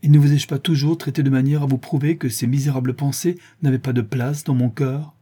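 A man's voice: mid-range voice, expressive, moderate pace, dark tone, breathy edge, pitched above the performer's own voice. A man reading a novel aloud, voicing a proud, earnest young noblewoman in a raised, pleading tone.

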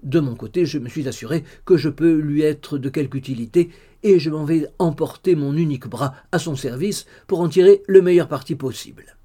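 A man's voice: a little high, a little fast, mellow, lightly acted. A man reading the lines of an earnest young man explaining his plans to his father in an audiobook. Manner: earnest, persuasive.

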